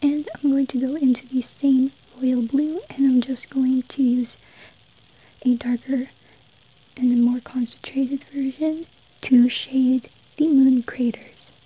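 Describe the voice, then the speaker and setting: A woman narrating an art tutorial step by step in a soft, breathy whisper. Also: high voice, steady tone, slow pace, poor audio.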